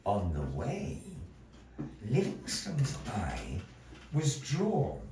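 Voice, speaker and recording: At a live show in a gallery venue, a man with a lowish, darkish voice narrates a puppet show theatrically and playfully, chatting with the audience between story segments. The room is echoey, the mic sits at a distance, and there's slight background noise.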